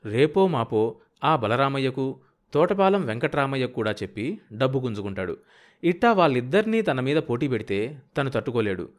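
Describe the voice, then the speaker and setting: A man narrating a novel as an audiobook in a steady, measured way. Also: mid-range voice. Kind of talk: novel reading.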